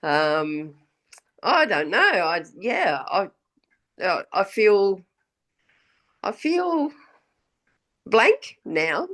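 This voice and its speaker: A hoarse woman guest in a casual conversation who answers softly and briefly and agrees readily. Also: mid-range voice, big pitch swings, drawn-out words, pauses often. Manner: soft, agreeable, brief replies.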